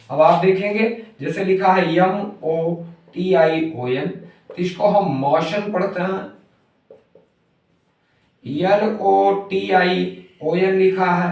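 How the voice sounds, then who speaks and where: A high-voiced man teaches a phonics lesson at a slow, patient pace, saying each example word more than once. He sits well back from the mic in a heavily echoing room. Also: gravelly. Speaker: English teacher. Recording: very echoey room, mic far off.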